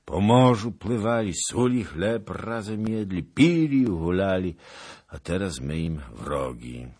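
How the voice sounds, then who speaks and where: A man voicing a fierce young Cossack leader who speaks slowly and heavily. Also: deep voice, animated, a little mellow, voice pushed up, heavily acted. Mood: grim.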